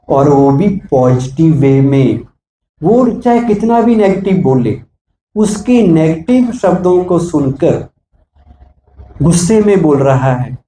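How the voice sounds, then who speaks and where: High-voiced man giving a motivational talk. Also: warm tone, roomy sound, slight background noise, low-quality recording. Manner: preachy, asks rhetorical questions, acts out examples. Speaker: spiritual motivational speaker. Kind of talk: motivational talk to police staff.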